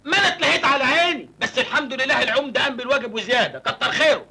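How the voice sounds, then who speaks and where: A man's voice: extremely high pitch, expressive, racing, gravelly, pushed and bright, slightly rough, exaggerated voice. An actor playing a cheeky, naive young village man with an Egyptian accent in a film comedy, joking and self-pitying.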